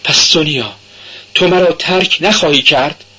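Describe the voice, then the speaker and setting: A man's voice: mid-range voice, animated, pushed and bright, husky, pitched above the performer's own voice, low-quality recording. A man voicing an anguished young man. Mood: imploring. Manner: strained pleading.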